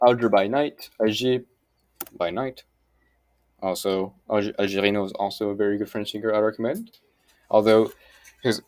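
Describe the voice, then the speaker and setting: The host of a language-learning series, a man with a fairly low pitch and darkish tone, offers casual commentary on on-screen lessons. He thinks aloud in mumbled asides, and the home recording is clearly noisy.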